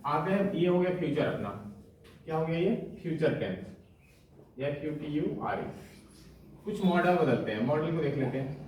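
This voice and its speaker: A man's voice: a little high, animated, moderate pace, pauses often, a little mellow, far from the mic, slight background noise. A male teacher giving a classroom grammar lesson, asking questions and answering them himself. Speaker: English teacher. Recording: echoey room, voice from afar.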